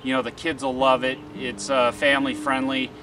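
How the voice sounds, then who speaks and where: A man's voice: mid-range voice, little pitch movement, moderate pace, noisy background. A man giving an informal promotional introduction as presenter, chatty and upbeat. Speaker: presenter, real estate agent. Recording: distant mic, music behind. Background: music.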